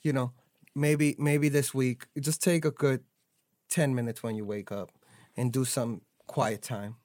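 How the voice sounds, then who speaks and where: A man's voice: medium pitch, steady tone, a little slow, a little mellow, no echo. A man hosting a casual podcast chat, loose and joking, often stumbling and restarting his words. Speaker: podcast host.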